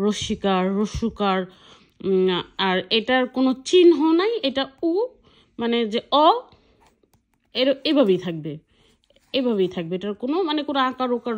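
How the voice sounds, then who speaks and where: A woman teaching a casual language lesson, patiently spelling out letters one at a time and often checking that her listeners follow. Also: fairly high pitch.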